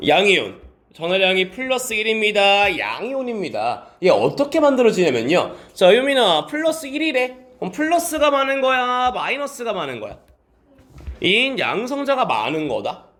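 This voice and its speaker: A male teacher lectures a class, quizzing students by name and answering his own questions as he goes. His voice sits high and moves up and down a lot. He mixes polite speech with casual talk. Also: very animated, moderate pace, fairly bright tone. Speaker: science teacher.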